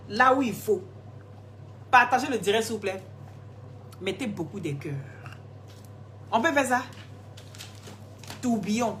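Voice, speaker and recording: A hoarse woman, scolding and gossiping in a casual live stream, laughing often. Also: on the high side, slight background noise. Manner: animated, scolding, laughs a lot. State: hoarse, sore throat.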